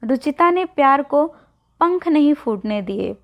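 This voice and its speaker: High-voiced slow woman storyteller. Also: animated. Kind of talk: scripted story narration. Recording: dull lo-fi recording.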